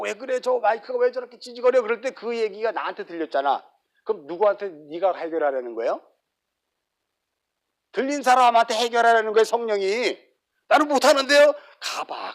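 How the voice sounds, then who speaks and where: A man pastor giving a sermon, acting out little quotes and dropping to soft asides. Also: sits high. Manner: lively, acts out everyday quotes, sudden drops to soft asides.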